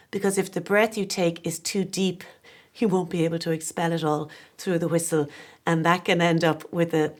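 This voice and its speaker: A woman in her forties with a Kerry Irish accent, giving a gentle, encouraging, step-by-step tin whistle lesson. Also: fairly low pitch. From Ireland (West Kerry).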